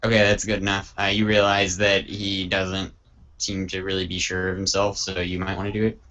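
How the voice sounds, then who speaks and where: Very deep-voiced man running a game. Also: monotone, bright, forceful tone, muffled recording. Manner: halting, many ums and restarts. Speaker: game master.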